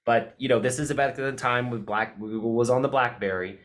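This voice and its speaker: A man co-hosting a webinar, sharing a relaxed anecdote in casual chat. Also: mid-range voice, brisk.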